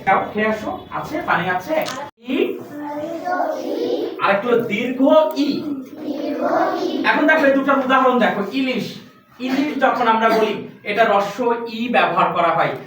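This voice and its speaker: A recitation teacher drills a class of children on pronunciation, patiently quizzing them with the same questions again and again. The voice is medium-pitched and expressive, at a moderate pace with long pauses, recorded from a distant mic in a very echoey classroom with benches and background noise.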